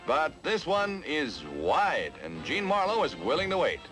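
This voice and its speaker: Old newsreel narrator, man, bouncy and lively delivery, band music underneath. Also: a little high. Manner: brisk, jaunty announcer patter. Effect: old newsreel soundtrack.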